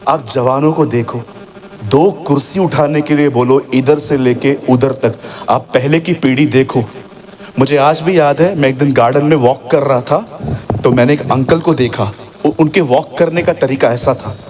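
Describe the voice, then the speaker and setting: A man preaching a sermon as a pastor in a church, animated and sometimes shouting, mixing English phrases into his talk. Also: mid-range voice, moderate pace, noisy background. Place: church hall with congregation.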